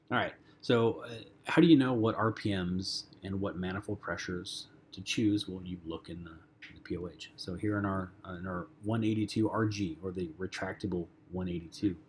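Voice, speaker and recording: A man with a lowish voice teaches a flight lesson, talking loosely and conversationally, filling gaps with ums and uhs. A faint hum sits under the recording. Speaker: flight instructor. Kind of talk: lecture-style flight lesson.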